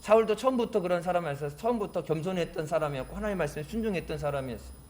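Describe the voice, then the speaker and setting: A man's voice: a little high, expressive, very fast, a little mellow. A man preaching a sermon as pastor, emphatic, acting out taunts and prayers as he goes.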